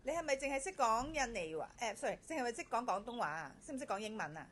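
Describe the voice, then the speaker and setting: Fast-talking woman interviewer. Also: a little high, very animated, fairly bright tone, a little hiss or hum. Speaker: interviewer screening a domestic helper. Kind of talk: conversational job interview.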